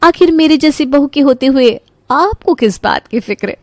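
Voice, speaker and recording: A woman's voice: sits high, expressive, normal speed, no room sound, studio quality, pitched above the performer's own voice. A woman voicing a cheerful, carefree young daughter-in-law who breezily shrugs off every scolding in a cartoon story. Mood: breezy. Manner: breezy, chirpy, brushes off scolding.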